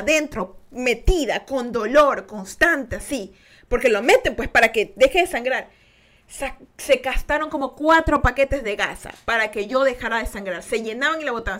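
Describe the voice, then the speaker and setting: A woman's voice: sits high, fairly bright tone. A young adult woman hosting a podcast, telling a personal story in a casual, emphatic and blunt way, swearing freely. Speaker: podcast host.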